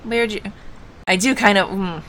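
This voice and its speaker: A woman's voice: medium pitch, moderate pace, fairly bright tone, slight background noise. A woman hosting a casual let's play, musing aloud informally as she comments on the game. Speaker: gaming host.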